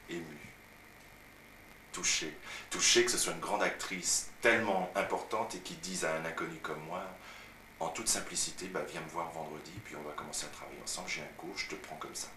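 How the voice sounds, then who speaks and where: Man, from paris, parisian accent, chatty storyteller, very low voice, far from the mic. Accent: Parisian French. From France. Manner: chatty storytelling, frequent "tu vois". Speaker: actor. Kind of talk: casual interview at home. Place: home. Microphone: far camera mic. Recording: roomy, distant, noisy home video.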